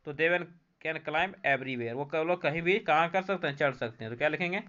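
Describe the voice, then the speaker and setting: A man's voice: on the high side, normal speed, pushed and bright, muffled recording. A man with an Indian accent teaching an English textbook lesson, reading each English line and explaining it in Hindi, repeating every answer word. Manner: reads English lines then explains them in Hindi.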